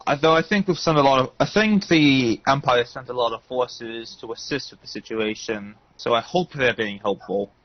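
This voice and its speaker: A man's voice: medium pitch, moderate pace, few pauses, no echo. A man playing a tabletop game, chatting casually in and out of character on a dull recording. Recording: dull lo-fi sound.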